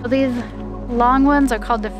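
A woman's voice: on the high side, steady tone, moderate pace. A young woman exploring abandoned seaside houses and pointing things out to the camera, partly in voice-over narration. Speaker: travel vlogger. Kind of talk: casual travel vlog with voice-over narration. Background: music.

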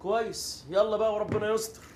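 A man's voice: high-pitched, steady tone, quick pace, a little mellow, slight background noise, natural voice. An actor with an Egyptian accent playing a bossy, mocking comic man. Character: bossy comic man, a self-styled acting teacher.

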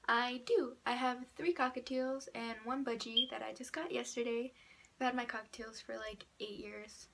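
An eighteen-year-old vlogger introduces herself to camera in a small room near a door, chatty, a bit sarcastic, and stuffed up from a cold. Her voice is a little high with fairly even intonation, moderate pace, and vocal fry. Background noise includes passing cars.

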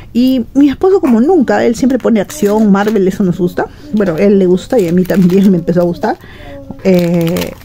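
A woman's voice: medium pitch, vocal fry, mellow, a little hiss or hum. A middle-aged woman from Peru, chatting and rambling to her viewers at home in a casual shopping vlog. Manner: chatty, rambling, frequent restarts. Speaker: shopping vlogger. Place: home, indoors.

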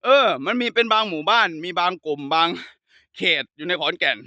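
A man's voice: high-pitched, animated, fairly quick, pushed and bright, no echo, studio quality. A man who is a Buddhist monk, speaking with a Northeastern Thai Isan accent, chatting and joking playfully while walking outdoors up a hill path. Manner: playful, laughs often, teasing storytelling. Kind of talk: casual joking chat.

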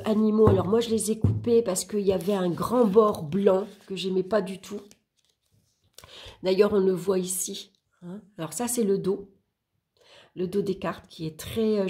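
A woman casually reviewing an oracle card deck for her viewers, talking in a halting way with many fillers and restarts. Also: lowish voice, creaky, dark tone. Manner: hesitant, halting with frequent fillers and self-corrections; chatty, addresses viewers directly.

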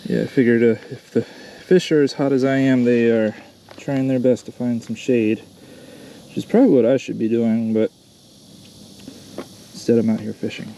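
Fishing from his kayak on a lake, a Southern-accented bass angler talks casually to a phone camera in a chatty, rambling, self-deprecating way. His mid-range voice has fairly even intonation and a moderate pace, with long pauses. Loud insects and outdoor ambience fill the phone recording.

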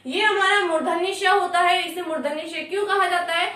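A woman teaching an exam-prep grammar lesson in a high voice, stating each rule and then asking her own questions and answering them. She sounds far from the microphone, in a strongly echoing room. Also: fairly even intonation, normal speed, bright, forceful tone, slight background noise. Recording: echoey room, far from the mic.

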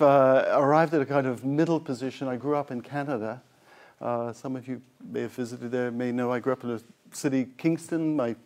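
A middle-aged Scottish professor gives an informal talk in a lecture room, picked up on a lapel mic. His medium-pitched voice is a little mellow, and he rambles self-deprecatingly, full of fillers and restarts.

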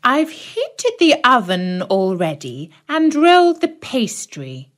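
A shrill, greedy old witch from a storybook, barking orders with a cruel edge, as a woman reading the tale puts her on. The voice jumps high and sharp, swooping wildly between words. She sounds old, wicked and impatient. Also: wildly swooping pitch, takes it slowly, exaggerated voice. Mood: scheming. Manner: snapping, commanding.

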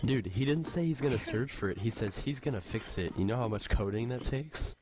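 A man's voice: mid-range voice, expressive, a little fast, a loud crowd. A young man joking and egging his friend on during a prank call in casual game voice chat.

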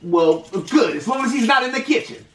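A man's voice: very high-pitched, expressive, fairly quick, fairly bright tone. A man voicing a fussy puppet chef who scolds and threatens in an exclamatory way. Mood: suspicious, scolding. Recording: very echoey room, distant mic, faint noise.

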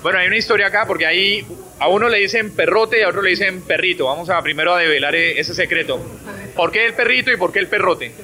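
A man's voice: high-pitched, quick pace, sharp tone. A man in his thirties interviewing a band with a handheld mic in a small club room, upbeat and friendly. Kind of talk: music TV interview. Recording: music playing behind.

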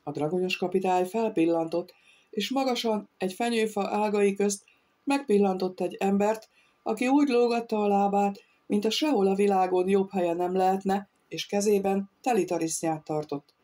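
A woman narrating an audiobook in a steady, measured storytelling voice. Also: medium pitch. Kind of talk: scripted narration.

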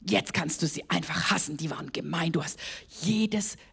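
A woman voicing the devil in a whispered role-play, a scornful male tempter speaking low and hushed. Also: normal speed, creaky, slightly rough, full character voice. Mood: taunting.

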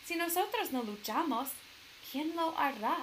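A woman's voice: high voice, lively intonation, a little slow, fairly bright tone, slight background noise, voice pushed up, low-quality recording. A woman voicing an earnest young male soldier in a storybook read-aloud, speaking with urgent conviction.

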